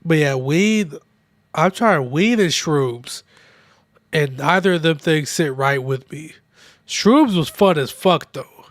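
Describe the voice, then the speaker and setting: A young man with a somewhat high voice talks loosely and profanely while he plays, a little drunk and nursing a sore throat. The sound is dry and close, with no room echo. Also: expressive, slow pace, a bit bright. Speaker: streamer. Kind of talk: casual gaming livestream chat.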